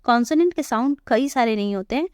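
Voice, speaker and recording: A woman teaching an English pronunciation lesson, patiently repeating example words slowly and asking her viewers questions. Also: fairly high pitch, expressive, darkish tone, clear, resonant tone, dry recording, clean studio sound.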